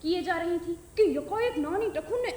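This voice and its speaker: A woman telling a comic story in the dastangoi style, lively and expressive, in an echoey room. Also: very high-pitched, normal speed, a little hiss or hum.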